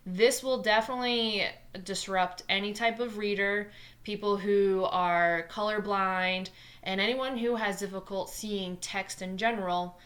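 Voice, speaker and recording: A New Jersey woman in her twenties, a math teacher, moves quickly and earnestly through a scripted lesson video. Her pitch sits in the middle, her intonation stays fairly even, and her tone has a slight brightness.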